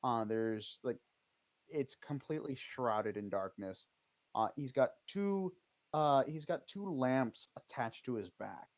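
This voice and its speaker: Man, game master, mid-pitched, slow, hesitant, dry. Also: animated, no echo. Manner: unhurried, many ums and uhs. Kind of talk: narrating a tabletop game.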